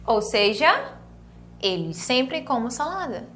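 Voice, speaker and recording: A young woman with a Brazilian Portuguese accent, teaching an online English lesson and slowly repeating words for students to drill. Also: a little high, sing-song, fairly bright tone, slight background noise.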